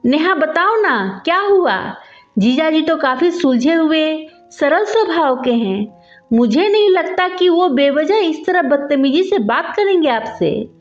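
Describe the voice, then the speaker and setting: A woman voicing a patient young daughter-in-law who speaks calmly but firmly. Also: sits high, measured pace, reverberant, lo-fi sound, soft background music. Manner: calm, firm.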